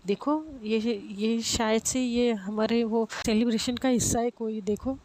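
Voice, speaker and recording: A woman voicing a level-headed young woman who reassures her friends in an even, practical way. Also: fairly high pitch, measured pace, close to an everyday voice. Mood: calm. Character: calm, sensible young woman.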